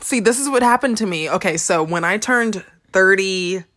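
A woman in her thirties with a medium-pitched voice speaks at normal speed as she hosts a podcast. It's casual chat, and she tells stories in a giggly, rambling, animated way, laughing a lot.

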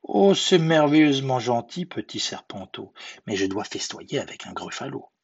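Man putting on a high, bouncy little mouse voice, clever and cocky, dull lo-fi storybook recording. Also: normal speed, slightly rough. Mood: boastful. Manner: lively, playful. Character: small clever bold mouse.

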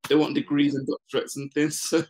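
His voice is a little high and his pace fairly quick. He's a forties-aged business founder from Ghana, appearing as a relaxed interview guest who laughs often and fills his speech with fillers.

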